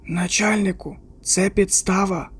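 A wary male detective leaning close to warn his partner, as an audiobook narrator voices him, hushed and urgent. His voice sits fairly high for a man and stays low in volume, almost a whisper. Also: normal speed, lightly acted. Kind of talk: audiobook character voice.

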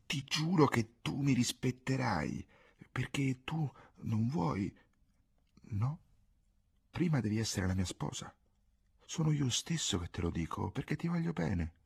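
An anxious young lover pleads in hushed, strained tones, as a man reads him in his own low voice. The husky voice moves expressively up and down, earnest and tense throughout. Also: sing-song, a little slow, full character voice. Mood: pleading.

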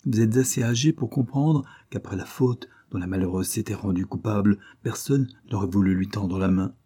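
A man's voice: fairly low pitch, moderate pace, dark tone, husky. A man voicing a haughty scornful countess. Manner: cold, contemptuous, cutting.

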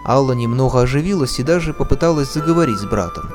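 Brief: male narrator, mid pitch, calm storybook reading, faint music in the background. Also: fast. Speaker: reader.

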